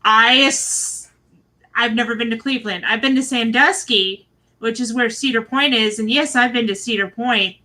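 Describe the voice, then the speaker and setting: A woman's voice: a little high, moderate pace, pushed and bright, low-quality recording. A woman from Michigan giving a chatty, rambling recap of a reality show, full of fillers and asides. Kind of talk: casual spoken recap. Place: at home with her husband nearby.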